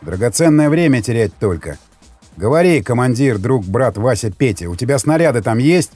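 A man voicing a gruff, grumbling male veteran commander in an audiobook. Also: mid-range voice, very animated, normal speed, a little mellow, soft background music.

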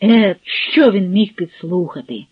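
A woman's voice: mid-range voice, animated, a little slow. A woman voicing a resolute young village man in an audiobook, speaking firmly and defiantly. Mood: determined. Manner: firm, defiant. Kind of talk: audiobook character voice. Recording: husky, phone-like, dry.

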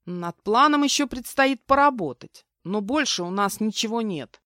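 A woman's voice: fairly high pitch, expressive, normal speed, bright, forceful tone, dry recording, studio quality, voice pushed up. A woman voicing a confident, teasing young woman who makes plans for her friend. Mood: breezy.

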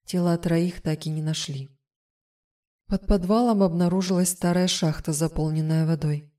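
A woman's voice: on the low side, fairly even intonation, normal speed, warm tone, no echo, studio quality. A woman narrating a first-person fiction audiobook with tense, vivid storytelling.

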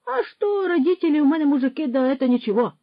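A woman's voice: high-pitched, animated, fast, dry recording, lo-fi sound, voice pushed up. A woman voicing a boastful, pushy young male ex-soldier who mixes Russian words into his speech, in a storybook reading. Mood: indignant.

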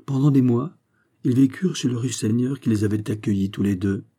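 A man reading a classic fairy tale aloud in a measured, expressive storybook narration. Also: medium pitch, slightly rough.

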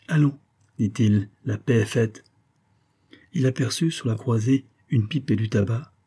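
A man reading a French novel aloud as the narrator, in a measured storytelling manner. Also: fairly low pitch, warm tone, husky. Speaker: audiobook reader. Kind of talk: literary narration.

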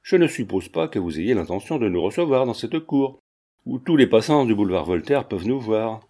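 A haughty middle-aged mother speaks with cool irony, read by a man in an audiobook. The mellow voice stays formal and clipped. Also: on the low side, animated, a little fast. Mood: piqued.

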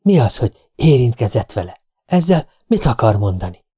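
An irritable middle-aged client nags and grumbles with impatience, as a man reads him in an audiobook. The tone is a bit raised and pushy over a mellow, relaxed timbre. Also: medium pitch, breathy edge, no echo, clean studio sound. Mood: irritated. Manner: impatient, nagging. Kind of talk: audiobook reading.

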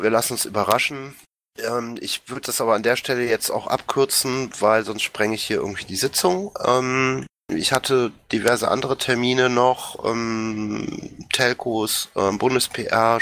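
A man's voice: fairly low pitch, fairly bright tone. A man giving a casual spoken report in an online meeting, hesitant, with many filler sounds and restarts. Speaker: party board member giving an activity report. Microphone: headset or desk mic on a voice chat call. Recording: voice chat audio with faint background noise.

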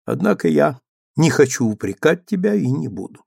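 A man's voice: medium pitch, unhurried, a little mellow, dry recording, clean studio sound. A man reading as a cold, stern young husband. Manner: cold, abrupt, rising to exasperation. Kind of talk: audiobook character reading.

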